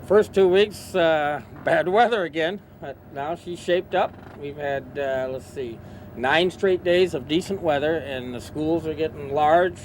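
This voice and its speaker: A man's voice: fairly high pitch, unhurried. A man, a boat captain, answers interview questions outdoors in a plainspoken way with clipped phrases. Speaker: charter fishing boat captain being interviewed. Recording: noisy outdoor engine and vehicle ambience.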